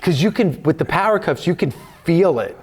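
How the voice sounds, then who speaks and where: A man's voice: on the high side, lively intonation, moderate pace, a little mellow, slightly rough. A man in his fifties, a guest in a casual chat, earnest and often restarting his sentences. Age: 50s.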